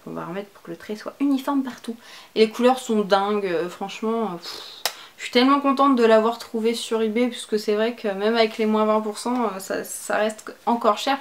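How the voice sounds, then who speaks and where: A young woman chatting casually through a make-up favorites review, full of fillers and casual slang. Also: mid-range voice. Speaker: beauty vlogger.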